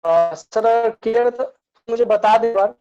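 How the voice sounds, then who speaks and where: A man's voice: very high-pitched, a little slow, mellow. A young man speaking in an online meeting, his voice choppy and breaking up over a weak connection, hesitantly checking whether he can be heard. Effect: choppy, breaking-up internet call audio. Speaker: motivational speaker. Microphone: video call. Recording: dull lo-fi video call audio.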